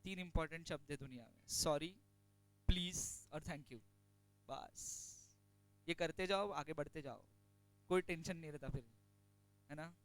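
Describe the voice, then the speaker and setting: A man teaching a class, chatty and joking, slowing right down to dictate notes. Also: on the high side, clean tone, soft background music. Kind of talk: classroom lecture on company law.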